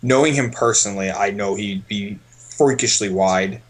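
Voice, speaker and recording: A man coaching poker on a casual stream, thinking aloud in a relaxed way as he explains each hand. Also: fairly low pitch, moderate pace.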